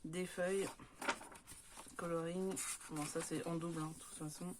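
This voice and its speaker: A woman's voice: on the low side, little pitch movement, measured pace, noisy background. A woman from France chatting casually as she shows off craft papers, with many hesitant fillers. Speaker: scrapbooking vlogger.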